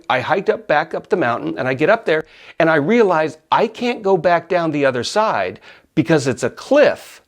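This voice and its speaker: A middle-aged man casually telling a personal story, animated and often laughing as he acts out his own yells. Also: a little high.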